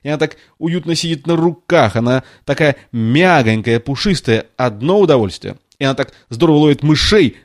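A man's voice: a little high, animated, a little fast, hardly any pauses, lightly acted. A man voicing a chatty, tactless little girl who gushes and rambles in a storybook reading. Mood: gushing, eager. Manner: gushing, rambling, apologetic chatter.

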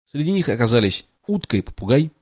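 A man's voice: mid-range voice, big pitch swings, fast talker, darkish tone, breathy edge, dry recording, clean studio sound. A man reading a storybook aloud in a casual way, now and then breaking off to comment on the text. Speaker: reader. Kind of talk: storybook read-aloud with ad-lib asides.

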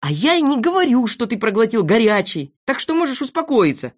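A cheeky, boastful little boy from a storybook, chattering excitedly in a high, bouncy voice that leaps up and down, as a woman puts him on. He pushes every line out loud and eager. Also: brisk.

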